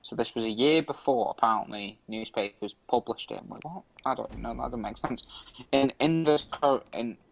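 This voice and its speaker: A man's voice: medium pitch, gravelly, lo-fi sound. A man on a gaming podcast who reads an urban legend article aloud while playing, often stumbling and restarting his words. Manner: halting reading with frequent stumbles and restarts. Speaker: podcast co-host.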